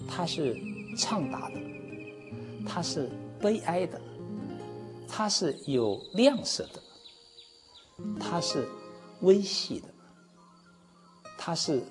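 A man teaching as a Buddhist lecturer, explaining slowly and adding drawn-out "ah" particles between phrases. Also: a little high.

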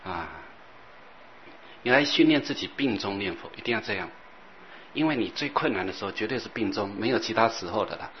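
A man teaching as a Buddhist master, rambling and repeating himself, sometimes chanting softly. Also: fairly low pitch, expressive, fairly quick. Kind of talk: dharma talk. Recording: dull lo-fi recording with faint hiss.

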